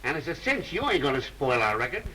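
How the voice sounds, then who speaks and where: An actor playing a blunt, cynical, slangy political boss in a 1930s comedy film. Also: male voice, mid-range voice, very animated, quick pace, sharp tone, poor audio. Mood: pushy. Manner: blunt, bossy, wisecracking. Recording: hissy 1930s film soundtrack.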